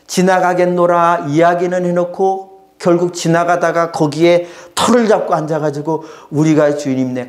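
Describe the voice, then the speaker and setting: High-voiced earnest male pastor. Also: darkish tone. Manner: earnest preaching, acts out quoted voices in a sighing or mocking tone. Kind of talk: Sunday sermon.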